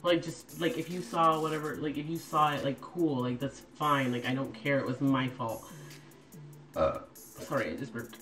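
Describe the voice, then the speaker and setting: A woman's voice: a bass voice, moderate pace, fairly bright tone, faint music behind, poor audio. Rambling young woman livestreaming from home. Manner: rambling, full of "like" fillers, blunt and swearing. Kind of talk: casual livestream chat. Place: at home, in her kitchen. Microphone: phone.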